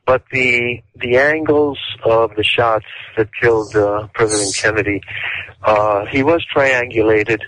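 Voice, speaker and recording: A male interview guest explaining in detail and at a deliberate pace, with frequent fillers. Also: medium pitch, fairly bright tone. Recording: dull dry lo-fi audio.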